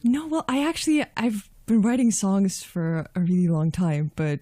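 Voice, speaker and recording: A woman's voice: mid-range voice, moderate pace, dark tone, no room sound, studio quality. A young woman from Russia, raised in Spain, with an American accent, a singer-songwriter chatting in a friendly way on a radio show. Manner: friendly, laughs easily. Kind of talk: casual radio interview. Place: radio studio.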